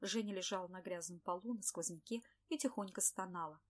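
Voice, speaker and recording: A woman narrating an audiobook in a steady, lightly ironic storytelling manner. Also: on the low side, a little fast.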